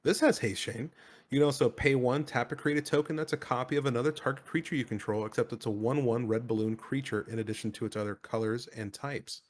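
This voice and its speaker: A man with an average-pitched voice co-hosts a card game stream. He switches between reading cards aloud and casual chat, keeping it enthusiastic and full of informal slang. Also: steady tone, fairly quick.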